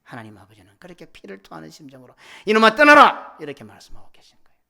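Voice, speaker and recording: A middle-aged man preaching a sermon as senior pastor, swinging from loud cries to hushed whispers. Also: medium pitch, animated, racing, creaky. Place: church sanctuary.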